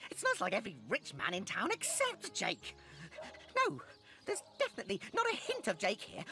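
A woman's voice: on the high side, normal speed, full character voice. A woman voicing a loyal, simple talking dog in a video game, blunt and childlike, grieving its best friend. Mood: disdainful. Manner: blunt, excitable, childlike wording. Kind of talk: animated video game voice acting.

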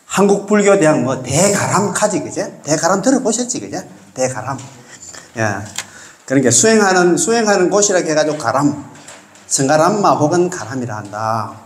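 Folksy lecturing monk in an echoey room. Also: male voice, a little high, very animated, moderate pace, a little hiss or hum. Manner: folksy, keeps asking the class to agree. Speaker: Buddhist monk teaching a class. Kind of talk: casual classroom lecture.

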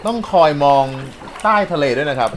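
Young guy streaming a game, swears a lot, voice jumps way up when he yells, music behind. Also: fairly high pitch, fairly quick, low-quality recording. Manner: excitable, swears often, frequent loud outbursts. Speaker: gameplay commentator. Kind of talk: casual let's-play commentary.

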